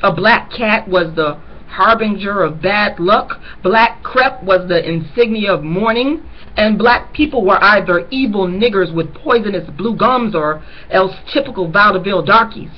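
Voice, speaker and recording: Reading a novel chapter by chapter, this woman adds personal commentary, stopping earnestly to stress key lines for her audience. Her voice sits in the mid range, and the audio sounds dull.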